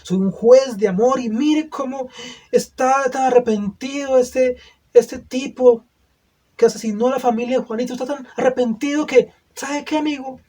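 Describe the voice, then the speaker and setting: A man's voice: extremely high pitch, moderate pace, dark tone. A man voicing a sentimental male judge who proudly pardons a killer. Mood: indulgent. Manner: sentimental, self-satisfied.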